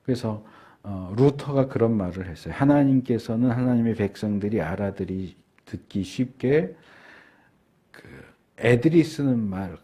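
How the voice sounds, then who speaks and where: A middle-aged male pastor delivering a sermon, unhurried, with frequent filler pauses and slowed words for emphasis. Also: on the low side, mellow, slightly rough.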